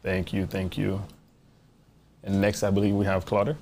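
A man's voice: low voice, monotone, normal speed, vocal fry, darkish tone, a little hiss or hum. A man hosting a panel discussion over a video call, making brief, welcoming introductions. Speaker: host. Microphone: video call webcam.

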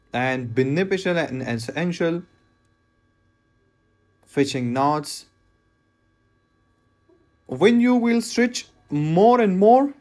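Slow-talking man explaining knot tying. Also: fairly high pitch, darkish tone. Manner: plain, repetitive step-by-step instructions with non-native phrasing. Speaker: fishing knot instructor. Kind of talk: hands-on tutorial voice-over.

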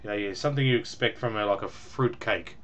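A man's voice: fairly low pitch, a little fast, fairly bright tone. A young man casually reviewing a beer at home on a webcam, chatty and rambling with ums and small laughs. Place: small room at home, indoors.

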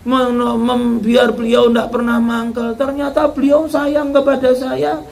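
A preacher voicing a tearful young woman who begs and sobs in a high voice. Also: monotone, slow, vocal fry, a little mellow, a little hiss or hum, full character voice. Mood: remorseful. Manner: begging, high-pitched and sobbing. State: crying. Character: tearful pleading young woman, daughter-in-law.

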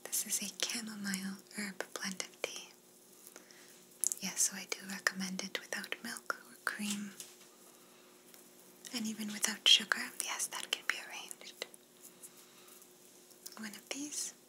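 A woman's voice: medium pitch, steady tone, a little slow, pauses often, sharp tone, poor audio. A young woman playing an attentive, courteous flight attendant in a whispered role-play, speaking politely as she offers service. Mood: courteous, soothing. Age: young adult.

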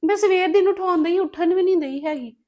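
A woman playing a strict mother, high voice, rapid scolding, family drama. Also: warm tone. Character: strict young mother, firm with stubborn daughter.

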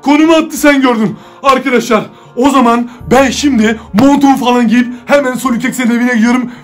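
A man vlogging casually, brash and taunting, talking in slang with excitable energy. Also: extremely high pitch, brisk, faint music behind. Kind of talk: casual horror-challenge vlog.

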